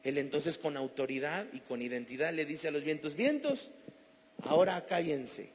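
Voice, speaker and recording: Guy preaching a sermon, kinda high voice, big echo from the church hall. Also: fairly quick. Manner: animated storytelling, acting out quoted voices. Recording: long reverb of a church hall.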